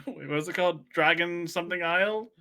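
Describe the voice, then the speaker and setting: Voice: medium pitch, fast, pushed and bright. A player in a tabletop game with a dry, teasing manner. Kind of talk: casual tabletop play.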